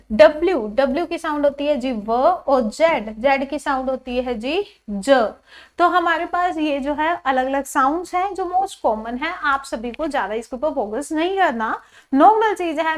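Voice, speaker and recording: High-voiced woman teaching pronunciation. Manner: asks the class questions and answers them herself, repeating example words slowly; calls the pupils "children", says "ji" often. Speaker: English teacher. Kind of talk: classroom pronunciation lesson.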